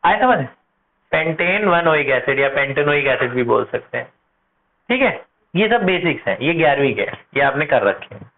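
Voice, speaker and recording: A man teaching chemistry at a board, asking his class questions and answering them himself, slowing down to spell out compound names. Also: fairly high pitch, big pitch swings. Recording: tinny phone-like audio with faint noise.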